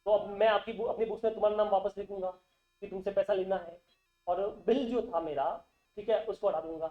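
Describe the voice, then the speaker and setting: High and steady, his voice moves fairly quickly over soft background music. During his classroom accountancy lecture, the man keeps questioning students call-and-response style and repeating terms, heard in a dull, roomy recording.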